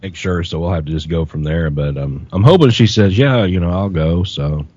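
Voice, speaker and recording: A relaxed, joking man with a fairly low voice, chatting on a casual podcast. The sound is dry and dull, as if it were lo-fi. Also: normal speed, breathy edge, no echo.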